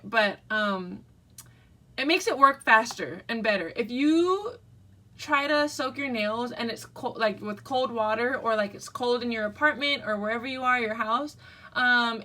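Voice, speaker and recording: Bright-voiced young woman, chatty tutorial. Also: fairly high pitch. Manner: chatty and rambling, with fillers and self-corrections. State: just woke up. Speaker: beauty vlogger. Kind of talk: casual tutorial chat.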